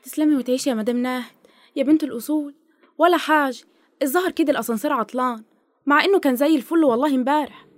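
Actress for a talkative housemaid, very fast, high voice. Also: female voice, no room sound, natural voice. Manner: fawning, talkative, very quick. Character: eager, chatty female housemaid.

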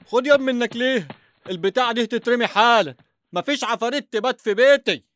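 A man's voice: a little high, big pitch swings, a little fast, a bit bright. A man playing a hot-tempered, superstitious Egyptian father who blusters and exclaims, in a radio comedy drama. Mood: angry. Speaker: actor in a radio serial.

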